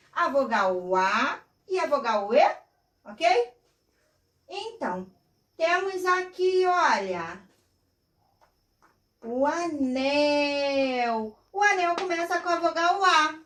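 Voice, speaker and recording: A woman's voice: high voice, very animated, slow pace, pauses often, a bit bright. A woman teacher giving a recorded lesson to small children, coaxing and sing-song, drawing out her key words. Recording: echoey room, voice from a distance.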